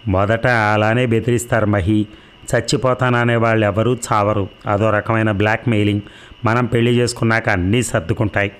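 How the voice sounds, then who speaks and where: Tearful young woman in love from a storybook, earnest and pleading, as a male narrator reads her, low voice. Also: steady tone, moderate pace, clean tone, natural voice. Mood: coaxing. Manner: pleading, emotional delivery.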